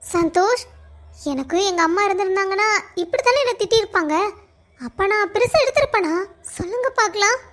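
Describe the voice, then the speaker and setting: A woman's voice: very high-pitched, animated, fairly quick, a bit bright. A woman voicing a young pregnant daughter-in-law, defiant when insulted and caring toward family. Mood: tender. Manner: fiery when wronged, tender with family.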